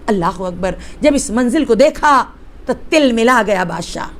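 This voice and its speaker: A high-pitched woman scholar from Hyderabad delivers a passionate sermon as she tells a sacred story. Her voice drops to a hush and then rises again into fervent exclamations. She turns to her listeners often with direct rhetorical questions. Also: expressive. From Hyderabad, India. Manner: impassioned, swings between hushed and rising exclamations. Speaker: religious scholar. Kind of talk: religious majlis sermon, storytelling.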